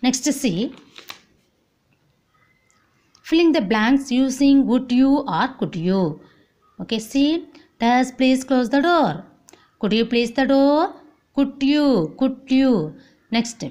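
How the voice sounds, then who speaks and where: A woman with an Indian English accent teaching an online vocabulary lesson, repeating words slowly and saying "okay, see" often. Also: sits high, lively intonation, a little mellow.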